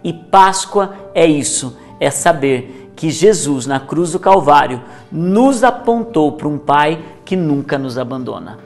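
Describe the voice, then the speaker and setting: A man's voice: on the high side, animated, measured pace, hardly any pauses, a little mellow, faint music behind. A man with a Brazilian Portuguese accent, a church leader preaching earnestly and declaring a promise over the listener. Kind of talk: sermon.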